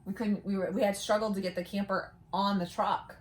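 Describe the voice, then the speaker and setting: A woman's voice: medium pitch, flat delivery, fairly quick. A woman hosting a vlog in casual, chatty style, recorded inside a small camper trailer. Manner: chatty, laughs easily while talking. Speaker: vlog host. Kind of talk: casual chat to camera.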